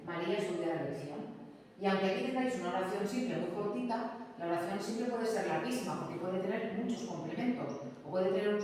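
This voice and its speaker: A woman's voice: mid-range voice, a little mellow. Spanish-woman teaching grammar, patient, lots of little check-in hums, big echoey room, mic far off. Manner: explains patiently, checks in with "¿m?" tags. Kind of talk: grammar lecture. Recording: echoey room, distant mic, faint ambient noise.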